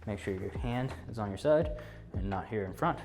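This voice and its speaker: A man's voice: lowish voice, expressive, moderate pace, a little mellow, soft background music. A man teaching a martial arts class as instructor, giving short, clipped counts and commands and explanations of drills. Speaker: taekwondo instructor.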